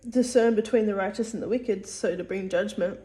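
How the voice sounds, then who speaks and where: A woman's voice: medium pitch, brisk, dark tone. A woman giving a casual spoken religious teaching, hesitant, with many fillers and restarts.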